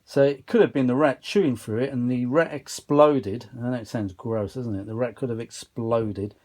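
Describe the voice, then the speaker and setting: A man shows off a machine at his messy workbench indoors, chatting informally like the eager vintage audio enthusiast he is. His voice sits in the mid-range, slightly mellow, with a steady tone and an ordinary pace.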